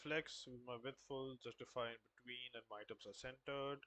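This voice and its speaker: A man's voice: mid-range voice, fairly even intonation, fairly quick, a bit bright. A man casually thinking aloud while following a coding tutorial, hesitant and muttering to himself with joking asides.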